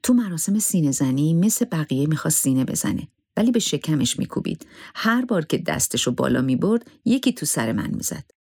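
A man voicing a gentle, devoted young husband and father who talks in a calm, reassuring way. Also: on the high side, breathy edge, heavily acted. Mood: wry.

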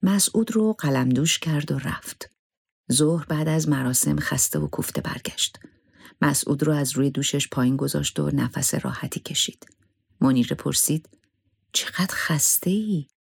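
Solemn male story narrator, gravelly, husky, dry close mic, at times whispering. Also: on the high side, dry recording. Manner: measured, solemn, sometimes dropping to a hushed whisper.

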